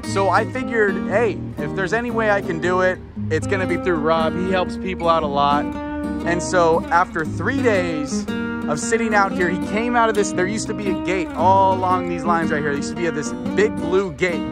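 A man in his thirties with a fairly high voice tells a story on an outdoor walking tour, talking into a camera held at arm's length. He is excited and rambling, full of fillers, with loud music under his voice. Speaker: vlogger. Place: outdoors on a street by industrial warehouses.

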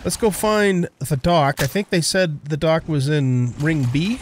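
A man's voice: a little high, expressive, a little slow, background noise. A man giving casual gameplay commentary, musing aloud in a rambling way. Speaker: gamer narrating a let's play.

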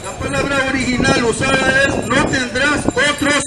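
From an outdoor gazebo in a town square, a high-pitched Salvadoran man delivers an open-air sermon explaining scripture, declaiming in short, deliberate phrases with a flat delivery. A far-off camera picks him up in a distant, echoey, noisy recording filled with traffic and crowd sounds.

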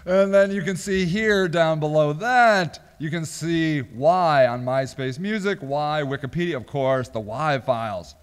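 A man's voice: a little high, unhurried, few pauses, clear, resonant tone, long reverb tail. A man giving casual comedic commentary as a show host, sarcastic and incredulous, often breaking into giggles. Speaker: host of a small business video show.

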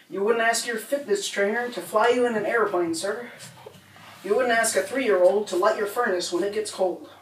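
At a bookstore reading, an American woman in middle age performs spoken word poetry in a rhythmic, rhyming style, laughing a little between poems. Her voice is mid-pitched. Because the camera filmed her standing mic from far away, the audio is roomy with a low hum underneath.

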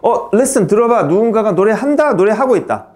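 Male English tutor, high-pitched, brisk, keeps quizzing the student. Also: animated, darkish tone. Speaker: English teacher. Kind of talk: grammar lesson.

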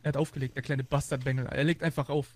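A man's voice: mid-range voice, flat delivery, fast talker. A man ranting in an agitated, repetitive, swearing way during online game role-play.

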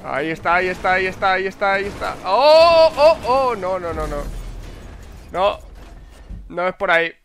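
An excitable man with a Spain Spanish accent commentates his own car race in a fairly high voice. He swears freely and fires off words in repeated bursts. Faint game sounds run underneath. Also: a little fast, pauses often. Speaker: gameplay commentator. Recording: faint game noise behind.

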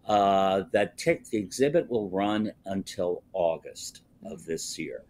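Older man, deep, slow guest on a video-call interview, pausing often. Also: lively intonation, darkish tone. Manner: slow, measured, frequent "uh" pauses. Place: indoors, wood-panelled office with bookshelves. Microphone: video call, webcam close up.

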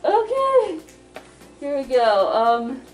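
A woman's voice: sits high, very animated, faint music behind. A woman vlogging casually from her home kitchen while baking, her voice muffled through a costume head, chatty and narrating each step. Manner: chatty, self-narrating, unhurried.

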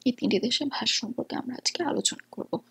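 A woman explaining English pronunciation in a lesson, pausing often with fillers. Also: a little high, slight background noise. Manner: hesitant, many fillers, often soft and breathy. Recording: distant mic.

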